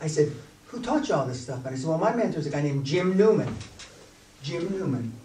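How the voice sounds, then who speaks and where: A man in his sixties leading a business coaching seminar, blunt and profane, telling animated stories to a room. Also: fairly high pitch, fairly quick, far from the mic, slight background noise. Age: 60s. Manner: blunt, swearing, animated storyteller. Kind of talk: profane motivational seminar talk. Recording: echoey room heard from afar.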